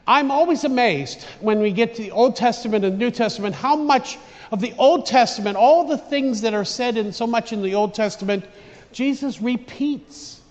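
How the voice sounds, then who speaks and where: A man preaching an informal, conversational homily in a large echoing church, haltingly, often repeating and restarting his phrases. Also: extremely high pitch. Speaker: priest preaching. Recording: dull recording with long church reverb.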